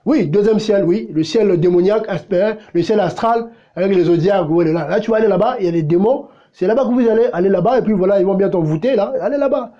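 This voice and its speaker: High-voiced blunt male preacher. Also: fast talker, hardly any pauses, warm tone, muffled recording. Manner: confrontational, fires rhetorical questions at listeners; blunt and unpolished. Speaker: pastor. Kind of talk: sermon.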